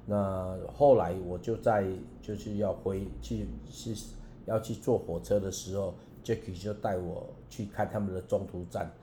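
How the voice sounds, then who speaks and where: Deep mellow-voiced preacher. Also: male voice, steady tone, echoey room, slight background noise. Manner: halting and earnest, many restarts, emphatic rises. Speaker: preacher and songwriter, radio guest. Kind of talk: personal testimony in a radio interview.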